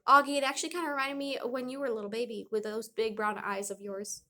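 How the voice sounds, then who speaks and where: A woman voicing a loving mother who gently persuades her son, read aloud from a storybook. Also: a little high, level tone, fast. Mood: coaxing. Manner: coaxing and reassuring.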